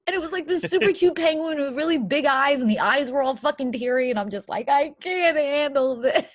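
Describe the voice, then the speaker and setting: A woman guest in casual chat, telling animated stories full of swearing. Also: high-pitched, fast, dry recording, studio quality. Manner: profane, animated storytelling. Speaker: podcast guest.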